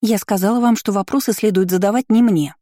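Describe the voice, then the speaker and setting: A narrator voicing an indignant, haughty young female aristocrat in a loud, raised voice in an audiobook reading. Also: medium pitch, brisk, no echo, studio quality, pitched above the performer's own voice, natural voice.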